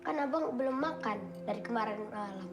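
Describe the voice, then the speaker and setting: A woman's voice: a little high, fairly quick, music in the background, lightly acted. A woman playing a loyal younger sister who argues back with her older brother in a comedy film. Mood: tender. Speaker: younger sibling.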